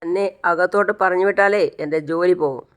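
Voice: medium pitch, fairly even intonation, fast talker, clear, resonant tone, natural voice. A narrator doing a rude office watchman who questions and belittles a visitor in a retold serial. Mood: sarcastic. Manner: blunt, sarcastic questioning.

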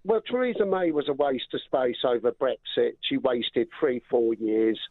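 A man's voice: mid-range voice, moderate pace, dry recording. An older man from England, a phone-in caller heard over a tinny phone line, ranting about politics and repeating himself as he speaks. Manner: angry, repeats words and trails off. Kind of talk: political rant on a call-in show.

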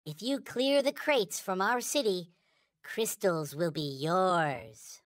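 A man's voice: high voice, slow pace, a bit bright, dry recording, clean studio sound. A man voicing a small, polite, earnest toy alien from a video game, speaking in formal, stilted, backwards-ordered phrases. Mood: solemn, earnest. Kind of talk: video game character lines.

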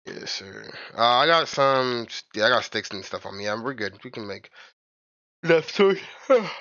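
A man's voice: mid-range voice, lively intonation, moderate pace, pushed and bright, no echo, muffled recording. A young man chatting casually with friends during a game stream, rambling with lots of filler and calling them bro. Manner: rambling, filler-heavy, says "bro" and "like" a lot. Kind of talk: casual gaming chat.

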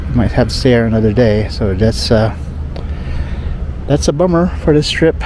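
A man's voice: medium pitch, expressive, normal speed. A middle-aged man talking casually to his phone camera, rambling with fillers and restarts. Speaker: travel vlogger. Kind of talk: casual travel vlog to camera. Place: outdoors in a parking lot and by a repair shop. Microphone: phone camera at arm's length. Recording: loud outdoor noise, phone camera. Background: loud outdoor and traffic noise.

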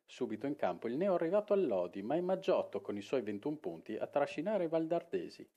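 A male sports presenter delivers a scripted news bulletin. His pitch moves a lot as he reads. His tone is mellow and dark, and his delivery stays brisk and steady. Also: lo-fi sound. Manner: brisk, lively newsreader delivery.

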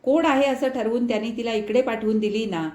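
A woman voicing a worried, gentle middle-aged mother who speaks in an anxious, soothing way, heard in an echoey room. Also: on the high side, brisk, close to an everyday voice.

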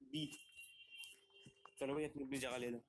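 A man leading his squad in a mobile shooter match, giving quick orders to teammates over voice chat. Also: medium pitch, steady tone, noisy background. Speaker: squad leader and streamer. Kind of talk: gaming voice chat with phone calls.

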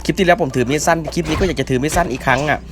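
A young man hosting a gaming channel, giving excited gameplay commentary with loud exclamations and swearing. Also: fairly high pitch, rapid-fire, background noise.

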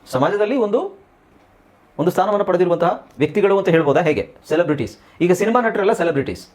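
A man with a Kannada accent teaching an English class online, drilling word lists slowly, then explaining briskly. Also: high voice, lively intonation, a little mellow.

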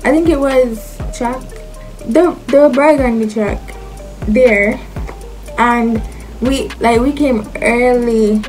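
A woman's voice: a little high, slow pace, a little mellow, soft background music, low-quality recording. A young woman with a Jamaican accent chatting casually and playfully to camera, using slang as she answers questions about herself. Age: young adult.

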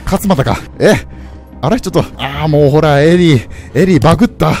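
A man commenting on a game he plays, swinging from low mutters to startled yelps. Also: brisk. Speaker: game streamer. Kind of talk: excited let's-play commentary. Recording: game music loud behind voice. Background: game sounds and music.

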